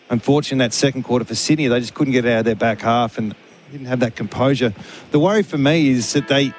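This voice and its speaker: A man with a medium-pitched voice gives conversational match analysis. He repeats words as he works out his point, over faint ambient noise. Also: darkish tone. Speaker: sports analyst.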